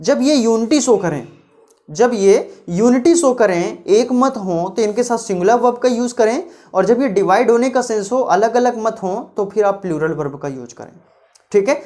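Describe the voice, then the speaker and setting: Woman, grammar teacher, patient step-by-step explanations, deliberate reading of examples. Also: a little high, expressive, warm tone. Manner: explains patiently, repeating rules and correcting examples; reads English example sentences slowly and deliberately. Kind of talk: classroom grammar lecture.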